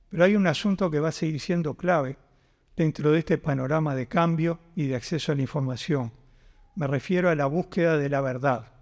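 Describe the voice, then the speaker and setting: A man in his sixties with a Uruguayan Spanish accent, a university vice-rector reading a formal ceremony speech at a podium microphone, in a measured and deliberate way. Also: fairly high pitch, a little mellow. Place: large concert auditorium stage. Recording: long hall reverb.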